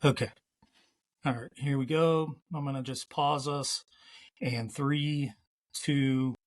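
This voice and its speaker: A man's voice: medium pitch, fairly even intonation. A man hosting a fly fishing podcast, chatting casually and talking through his edits aloud with his guest. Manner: unhurried, talks through his editing plans aloud. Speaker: podcast host. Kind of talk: casual remote interview.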